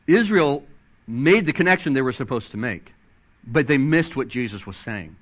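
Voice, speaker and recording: At normal speed, an animated and excitable pastor preaches, reading scripture out loud. His voice swoops up and down in pitch whenever he emphasizes a point.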